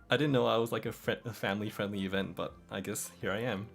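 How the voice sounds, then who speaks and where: Faint background music plays as a young man, his accent a blend of Australian and American, casually reads out viewer comments on a late-night stream. His voice is on the low side with vocal fry; he stays relaxed, laughs a lot, and lets his sentences fade softly.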